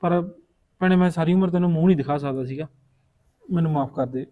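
A man playing a fast-talking, remorseful brother. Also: on the high side, phone-quality sound, natural voice. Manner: earnest, pleading, reassuring. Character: remorseful elder brother, protective of his sister. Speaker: elder brother. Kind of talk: amateur village short-film acting.

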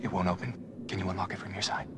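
An actor playing a frightened young man in a game, talking in tense, hushed bursts. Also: low voice, steady tone, very fast, a little hiss or hum. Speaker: game character. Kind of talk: video game voice acting.

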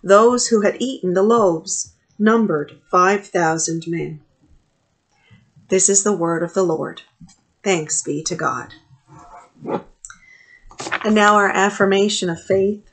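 A middle-aged woman priest leading a morning prayer service from a small office, reading scripture and prayers in a measured, steady way into a webcam. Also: medium pitch. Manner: measured, steady reading with pauses between phrases. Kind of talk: reading a liturgy aloud. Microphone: webcam at desk distance.

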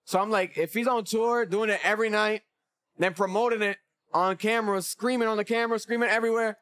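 A man's voice: sits high, fairly even intonation, brisk, fairly bright tone, smooth. A man in his twenties interviewing casually as a podcast host, with slangy phrasing and frequent affirmations. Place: small indoor room with couches. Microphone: podcast microphone on boom arm.

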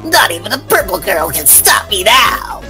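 A woman's voice: medium pitch, very animated, normal speed, over music, lightly acted. A woman voicing a boastful, boyish little game villain with theatrical, unhinged bluster, eager to seem scary. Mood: gleeful menace. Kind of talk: voicing video game dialogue in a let's play.

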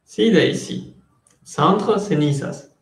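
A man teaching a French class in Spanish, slowly repeating words and switching between languages while calling on students by name. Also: a little high, expressive, roomy sound. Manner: slow, patient, repeats words to drill pronunciation.

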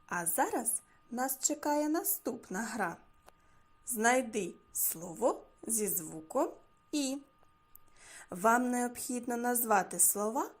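A woman teaching a speech lesson to preschool children, saying each word slowly and clearly and repeating it. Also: mid-range voice. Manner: slow, clearly articulated words, repeated for children. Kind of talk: slow lesson for small children.

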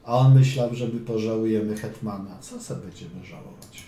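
A man's voice: on the low side, normal speed, mellow. A man coaching chess as he plays through a game, chatty and playful, with quips and mutters along the way. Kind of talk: casual game commentary. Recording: roomy echo, faint room hum.

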